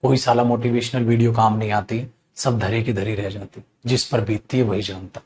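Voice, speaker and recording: A man's voice: on the low side, steady tone, normal speed, a little mellow, a little hiss or hum. A middle-aged male teacher in his own studio, scolding and lecturing students earnestly while teaching an online grammar class.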